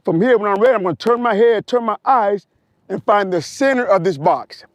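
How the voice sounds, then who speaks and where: A motorcycle instructor with a hoarse, high-sitting, expressive voice walks riders through a slow-speed drill step by step, repeating short cues. The outdoor wireless-mic recording has no echo.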